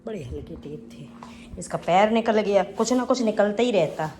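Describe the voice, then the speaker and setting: A young woman talks in an easy, chatty vlog manner at home and coaxes her child along between remarks to her viewers. Her voice sits at an ordinary middle pitch. There is clear background noise behind her. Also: expressive, normal speed, darkish tone. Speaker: vlogger. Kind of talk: casual daily vlog chat. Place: home indoors.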